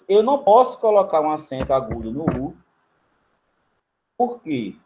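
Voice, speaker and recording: A Brazilian man teaching grammar to a class in a slightly high voice. He works through each step while writing on a board. He keeps turning to the students to check that they follow. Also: warm tone, a little hiss or hum. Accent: Brazilian Portuguese. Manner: writes on a board while talking. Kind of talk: grammar lesson.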